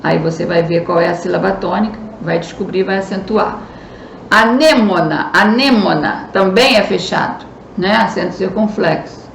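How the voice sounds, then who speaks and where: A woman's voice: on the low side, steady tone, moderate pace, creaky. Woman, Brazilian Portuguese accent, teacher, patient recorded lesson, roomy echo, faint background noise. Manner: patient, explanatory, stresses key words. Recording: echoey room, faint noise.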